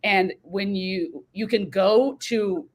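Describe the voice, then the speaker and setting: A woman's voice: mid-range voice, takes it slowly. A woman in casual chat, talking frankly and with animation as a guest.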